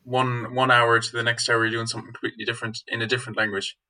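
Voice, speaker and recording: A man's voice: mid-range voice, little pitch movement, rapid-fire, bright, forceful tone. A young man from Galway with a west of Ireland accent, answering interview questions as a student guest in a hesitant, informal way. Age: young adult.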